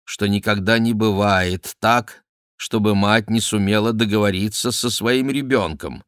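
A man voicing an aging, scheming queen mother who pleads with her son in a raised, drawn-out way. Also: fairly low pitch, fairly bright tone, no echo, clean studio sound. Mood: imploring.

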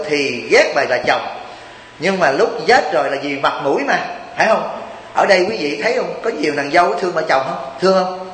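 A man's voice: a little high, a bit bright, reverberant, big-room sound, poor audio. A Buddhist monk from Vietnam gives a chatty, joking sermon, teasing his listeners and asking them rhetorical questions.

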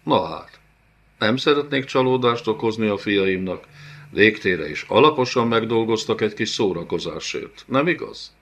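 A man's voice: on the low side, expressive, fairly bright tone, pitched above the performer's own voice. A man voicing a huge, cruel male beast-warlord in an audiobook, with a sneering, mock-tender way of taunting. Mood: gloating cruel. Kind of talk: audiobook character voice.

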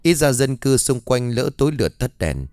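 A man voicing a middle-aged man who soothes and reassures in a low, hushed voice. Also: big pitch swings, normal speed, no echo. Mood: soothing, firm.

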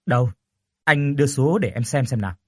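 A man's voice: medium pitch, lively intonation, brisk, darkish tone, slightly rough, no echo, clean studio sound. A man doing an eager, curious young man. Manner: eager, asks many questions.

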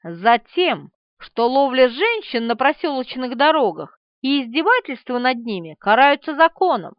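A woman brings a bold, teasing, sharp-tongued young character to life in an audiobook, her high voice very animated and delivered at normal speed. There is no echo; the studio sound is dry and a little dull.

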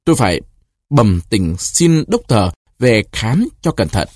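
A man's voice: fairly low pitch, big pitch swings, a little slow, darkish tone. A man voicing a stern, greedy male district magistrate who speaks in a cold, officious way, in a storybook reading.

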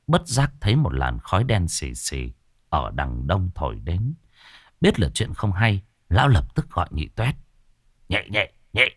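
A man narrating a ghost story in a lively, dramatic way. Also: low voice, dry recording, clean studio sound.

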